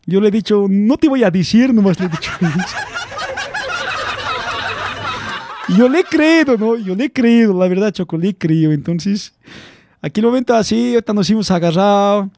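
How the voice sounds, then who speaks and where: A man's voice: high-pitched, a little fast, dark tone. A young man rambling through a personal story, chuckling often and calling his listener by slang nicknames. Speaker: vlog host telling a story. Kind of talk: casual storytelling to camera.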